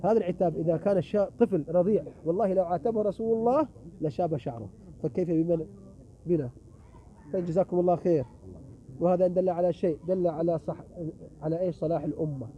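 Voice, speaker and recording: Quick, high-voiced man preaching emphatically. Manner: emphatic, rhetorical questions to the audience. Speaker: visiting preacher. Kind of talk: sermon with closing prayer. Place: religious gathering with an audience. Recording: muffled recording, faint background noise.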